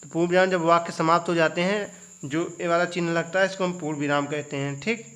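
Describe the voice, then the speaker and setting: This young male teacher's voice is a little high and a bit bright, and he talks fast in a steady tone during an exam revision lecture. He keeps posing rhetorical questions to the class before answering them himself.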